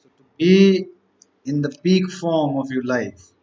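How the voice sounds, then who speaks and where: A man's voice: a little high, slow, mellow, dull audio. A man, teaching exam candidates in a motivational lecture, stacking up rhetorical questions and repeated lists.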